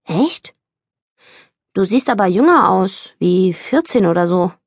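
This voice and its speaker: A woman's voice: mid-range voice, expressive, slow pace, husky, no echo, clean studio sound, full character voice. A woman voicing a defiant young boy. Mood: curious, pointed. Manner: pleading, indignant outbursts.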